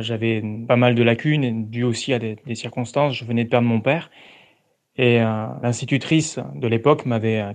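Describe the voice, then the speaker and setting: A man speaking as a radio listener in a voice message played on air, giving a personal testimony with hesitant fillers and restarts. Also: mid-range voice.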